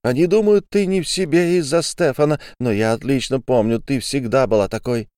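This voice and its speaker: A man reading an audiobook, voicing a furious, bitter young woman who hurls accusations in a shrill voice. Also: moderate pace, darkish tone, clean tone, dry recording, clean studio sound, lightly acted.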